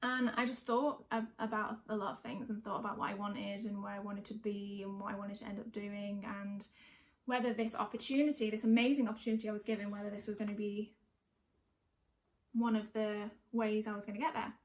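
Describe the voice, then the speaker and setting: Between songs at her online gig, a young North West England singer-songwriter rambles casually, hesitant and reflective. She speaks a little fast in a medium pitch with fairly even intonation.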